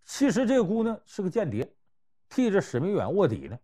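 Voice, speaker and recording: A man telling historical and everyday anecdotes to give life advice, conversational and animated, swinging between loud and hushed. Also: sits high, a little fast. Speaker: storyteller giving life advice. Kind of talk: anecdotal storytelling talk.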